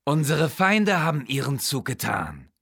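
A haughty undead priest-king, voiced by a male narrator speaks in a slow, commanding, hissing tone. His gravelly words are dry and close, with no room around them. He sounds like a storybook tyrant who demands obedience. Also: mid-range voice, wildly swooping pitch, bright, forceful tone, no echo, voice pushed up, heavily acted. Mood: cold, commanding.

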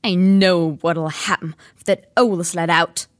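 A woman doing Uncle Vernon, a blustering, shouting uncle. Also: medium pitch, big pitch swings, normal speed, voice pushed up. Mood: gruff. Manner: shouting, snarling. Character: blustering bullying middle-aged uncle.

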